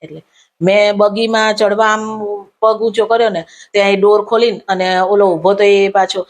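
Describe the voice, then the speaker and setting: A woman telling a comic story, acting out the dialogue as she goes. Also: medium pitch. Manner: animated, acts out dialogue in her anecdotes. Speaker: comedian storyteller.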